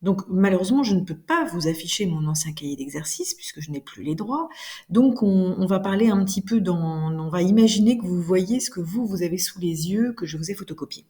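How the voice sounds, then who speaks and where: A woman teacher giving a recorded grammar lesson, explaining slowly and deliberately with frequent hesitations. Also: on the low side, animated, warm tone. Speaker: French teacher.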